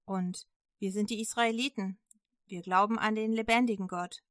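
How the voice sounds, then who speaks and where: A woman's voice: mid-range voice, fairly even intonation, moderate pace, fairly bright tone, no echo, clean studio sound, lightly acted. A woman voicing a plain-spoken male king who talks firmly. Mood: defiant.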